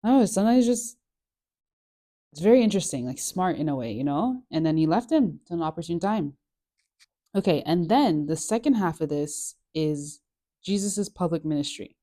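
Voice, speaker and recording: A woman's voice: lowish voice, lively intonation, moderate pace, mellow. A woman hosting a casual Bible study chat, chatty and rambling, laughing often with lots of fillers. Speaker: host of a Bible study channel.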